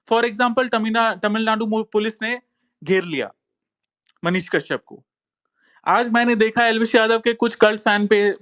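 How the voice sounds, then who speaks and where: High-pitched man, insistent rant. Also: fairly bright tone. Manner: insistent, repeats phrases and says "bhai" often. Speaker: social media commentator. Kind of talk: heated talk-space monologue.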